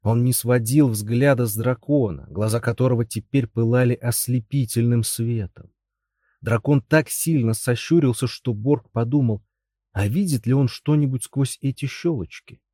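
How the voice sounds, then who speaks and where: A man narrating an audiobook tale in an even, measured way. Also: mid-range voice, no echo, clean studio sound.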